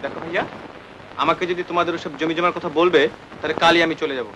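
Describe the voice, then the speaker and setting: A man's voice: on the high side, steady tone, fast talker, sharp tone, a little hiss or hum, poor audio. An actor playing a carefree young man who talks in a light, teasing, offhand way in an old Bengali film. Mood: breezy.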